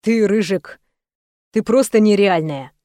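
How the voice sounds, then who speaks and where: A woman voicing a gentle, tender young man in an audiobook, speaking softly. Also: mid-range voice, a little slow, no room sound, studio quality, close to an everyday voice. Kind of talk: audiobook reading.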